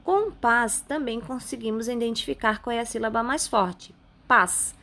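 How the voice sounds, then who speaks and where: A woman teacher with a Brazilian Portuguese accent, patiently explaining a grammar lesson step by step and slowing down on key words. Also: on the high side, a little hiss or hum. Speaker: Spanish teacher. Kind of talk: recorded online class.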